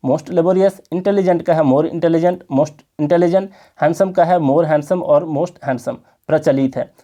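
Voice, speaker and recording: Mellow-voiced male grammar teacher. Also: on the high side, highs cut off. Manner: explains slowly, repeats words, checks in with "है ना". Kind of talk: exam-prep lesson.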